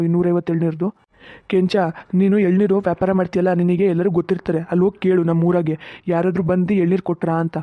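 An actor voicing a fussy older village farmer, in a cartoon, grumbling and talking to himself fast. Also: medium pitch, dry recording, lightly acted. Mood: advising. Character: older village farmer with coconut grove, fussy, fretting about money. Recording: tinny narrow-band sound, dry.

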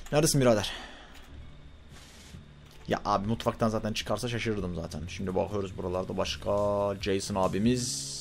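A young man giving excited let's-play commentary, swinging between loud frantic outbursts and muttering to himself. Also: lowish voice, gravelly. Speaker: gaming YouTuber.

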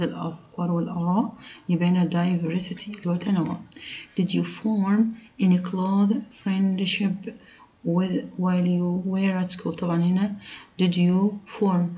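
A woman with an Egyptian Arabic accent, explaining English vocabulary exercises as a teacher, mixing Arabic and English and reading the English sentences slowly. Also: fairly low pitch, mellow, rough recording. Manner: switches between Arabic and English, slow on English sentences.

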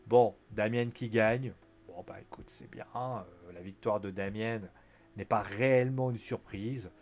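A man's voice: lowish voice, a little slow, a little mellow, faint music behind. A man giving a casual, chatty recap of a wrestling show, full of fillers and acted-out quotes. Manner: chatty, lots of fillers, acts out quotes in a raised voice.

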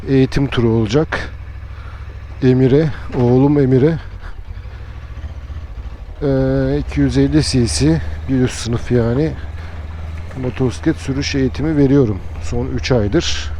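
A man's voice: mid-range voice, steady tone, unhurried, pauses often, warm tone, a little hiss or hum. Muffled middle-aged man on a helmet mic. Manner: instructive, explanatory. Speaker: motorcycle vlogger and riding instructor. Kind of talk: casual vlog narration while riding, giving instructions. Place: outdoors on a motorcycle on the road.

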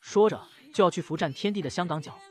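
A man narrating a dramatic comic recap with rapid, punchy storytelling. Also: sits high, a little mellow.

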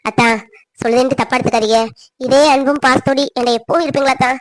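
A woman voicing a tender, lonely young village woman in a cartoon, speaking softly and pleadingly. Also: sits high, steady tone, fast, no room sound, natural voice. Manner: soft, pleading, tearful. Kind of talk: cartoon voice acting.

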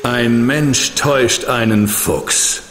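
An actor voicing an ancient blind fox spirit guardian in a video game, speaking in a grand, solemn and amused manner. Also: male voice, mid-range voice, fairly bright tone. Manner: slow, grand, chuckling delivery. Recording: echoing voice over music.

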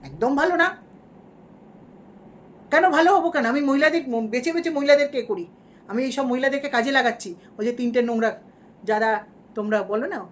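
A woman's voice: on the high side, a little hiss or hum, lightly acted. A woman playing a boastful, shameless female vlogger villain who gloats in mock-defiant rants during a parody livestream.

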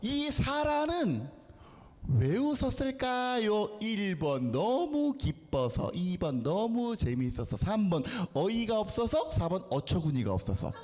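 A man's voice: high voice, very animated, slow pace, a little mellow. A man, a pastor, giving a playful children's sermon, quizzing and teasing the kids in a church. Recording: echoey church hall.

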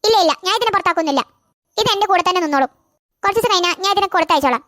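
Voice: very high-pitched, expressive, rapid-fire, bright, forceful tone, no room sound, clean studio sound, exaggerated voice. A performer voicing a stubborn teenage girl in a cartoon, defending her new puppy. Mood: defiant. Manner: defiant, pleading. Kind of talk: cartoon voice acting.

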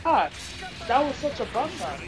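A man co-commentating on a gaming stream, reacting excitably to the play. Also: extremely high pitch, over music. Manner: excitable, quick reactions to gameplay.

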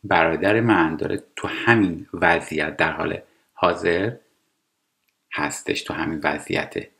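A man teaching English, explaining TV dialogue line by line and reading English phrases slowly and carefully. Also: low voice, steady tone, creaky, sharp tone. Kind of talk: language lesson explaining TV dialogue.

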